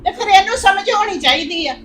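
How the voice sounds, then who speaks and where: A woman's voice: extremely high pitch, expressive, brisk, soft background music. An actress playing a stern, scolding mother-in-law in a family drama. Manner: scolding, sharp.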